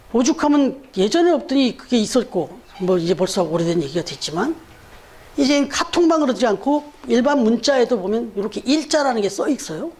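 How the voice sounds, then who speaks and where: High-voiced man preaching a sermon. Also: darkish tone. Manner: conversational, rhetorical questions to the congregation. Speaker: pastor. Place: church.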